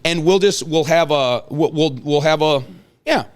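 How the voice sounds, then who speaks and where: A talk show host with a fairly high, clean-toned voice chats in a folksy way at a measured pace. He keeps the conversation casual while prodding his guests with questions.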